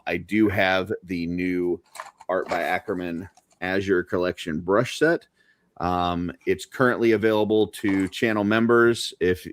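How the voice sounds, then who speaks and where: A man in his forties co-hosting a casual chat, relaxed and halting as he talks. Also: sits low, no room sound, clean studio sound. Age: 40s. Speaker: co-host.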